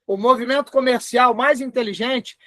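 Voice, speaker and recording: A man with a Brazilian Portuguese accent teaching a live online class in a chatty way, often dictating slowly word by word. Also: very high-pitched, fairly even intonation, bright, forceful tone, dry recording, clean studio sound. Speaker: instructor.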